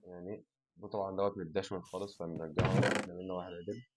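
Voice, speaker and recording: Fast-talking Egyptian man, lowish voice. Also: steady tone, very noisy. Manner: chatty, addresses viewers as a group; thinks aloud while sorting inventory. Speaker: gaming channel host. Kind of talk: let's play game commentary.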